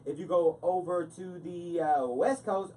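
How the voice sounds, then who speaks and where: A man's voice: high voice, measured pace, darkish tone, distant mic, soft background music. An American man hosting a morning radio show in a casual, chatty style.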